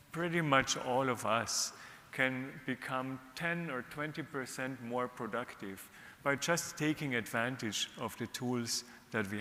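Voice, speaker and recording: A man from Austria, an economist on a panel, giving measured, earnest advice. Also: medium pitch, bright, forceful tone. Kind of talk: panel discussion remarks. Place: large conference hall. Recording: reverberant hall.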